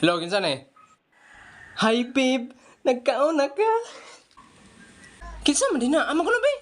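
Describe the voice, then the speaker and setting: A comedian plays every role in a one-person skit, switching between put-on voices. The voice is high-pitched with huge pitch swings, delivered at a measured pace.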